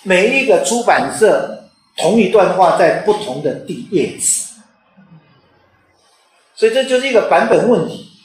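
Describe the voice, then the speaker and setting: A man's voice: sits high, sing-song, measured pace, long pauses. A man who is an author and teacher, giving an informal lecture in a conversational way and often checking in with the listeners. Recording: very echoey room.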